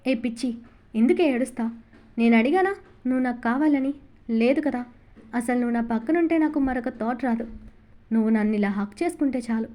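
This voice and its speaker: A woman's voice: sits high, a little mellow, natural voice. A woman voicing a young man, an ardent and tender loving husband, in an audiobook novel reading, with a fond, coaxing manner.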